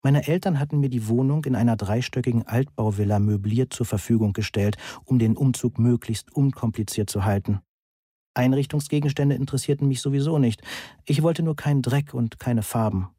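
Ein Mann liest ein Hörbuch in der Ich-Form, trocken und genau erzählt. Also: male voice, medium pitch, fairly quick, mellow, husky, no echo, studio quality. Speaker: audiobook narrator. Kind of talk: first-person audiobook narration.

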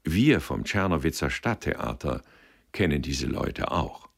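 Male reader doing a haughty young traveler, curt and condescending, deep voice. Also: lively intonation, unhurried, creaky, slightly rough, exaggerated voice.

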